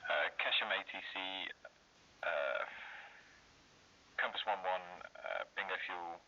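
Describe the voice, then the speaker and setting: Pilot voice, man, muffled oxygen-mask radio, bright and a bit low, clipped calls with pauses. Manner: hesitant, clipped radio phrasing. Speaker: flight-sim pilot player. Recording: muffled radio line with faint hiss.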